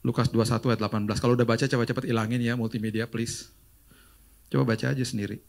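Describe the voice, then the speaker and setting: A man's voice: medium pitch, fast talker, creaky. A middle-aged Indonesian man, a pastor giving a sermon, telling stories with acted-out dialogue and jokes. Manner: lively storytelling with quoted dialogue and jokes.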